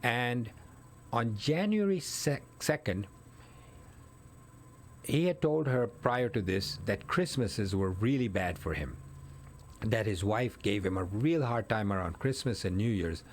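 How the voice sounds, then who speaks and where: Fairly low in pitch and expressive, this man speaks a little slowly over slight background noise. He's a guest narrating a murder case conversationally, detail by detail, with fillers and self-corrections along the way.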